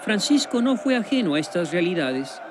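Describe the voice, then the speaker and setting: High-voiced man narrating a documentary. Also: very animated, crowd noise, background noise. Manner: solemn, measured, with dramatic pauses. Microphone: studio voice-over. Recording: voice-over over guitar music. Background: guitar music.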